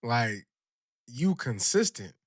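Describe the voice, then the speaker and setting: A man hosting a podcast who laughs along, throws in quick quips, and asks the guest questions in a relaxed way. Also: medium pitch, no echo, clean studio sound. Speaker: podcast host. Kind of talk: casual interview chat.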